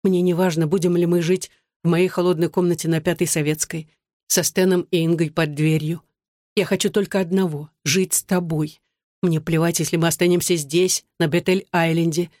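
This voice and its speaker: A woman's voice: on the low side, fairly even intonation, fairly quick, darkish tone, no echo, studio quality, close to an everyday voice. An audiobook reader voicing a desperate young woman who pleads through tears and murmurs. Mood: pleading.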